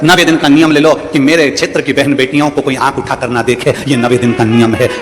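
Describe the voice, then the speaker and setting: A man's voice: mid-range voice, fairly even intonation, a little fast. Impassioned male preacher in echoing hall. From India. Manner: impassioned, rhetorical, repeats phrases and calls on the crowd. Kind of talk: devotional sermon with sung verses. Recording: echoey hall with long reverb and music.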